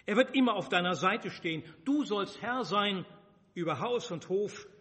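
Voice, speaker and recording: A man's voice: sits high, expressive, moderate pace, a bit bright, voice pushed up. A man voicing a frail, elderly father who speaks a solemn blessing, in a reverberant hall. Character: frail old father near death.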